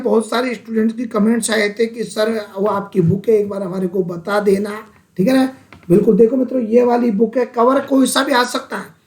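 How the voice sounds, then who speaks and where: Male Sanskrit tutor from India, high voice, roomy echo, call-and-response drilling style. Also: darkish tone. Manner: drills students with repeated call-and-response questions. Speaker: Sanskrit teacher. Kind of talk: online exam-prep lesson.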